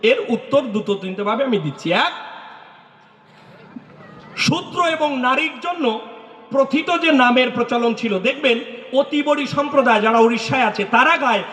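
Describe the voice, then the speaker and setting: High-voiced man giving a devotional lecture. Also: animated, normal speed, long pauses, fairly bright tone. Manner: explains patiently, recites mantras in rhythmic runs. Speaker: religious speaker. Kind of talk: devotional lecture answering audience questions. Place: lecture hall stage. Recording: echoey hall with long reverb.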